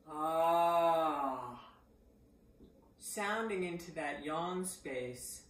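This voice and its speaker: A middle-aged woman teaching voice exercises. She breaks into loud vocal sounds to show each exercise. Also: fairly low pitch. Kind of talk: voice exercise lesson. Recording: echoey room.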